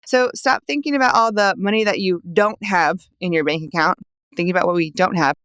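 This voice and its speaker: A woman's voice: fairly low pitch, fairly quick, fairly bright tone, smooth, no room sound, poor audio. A young adult woman hosting a solo podcast as a life coach, talking in an upbeat, emphatic coaching tone into a close mic.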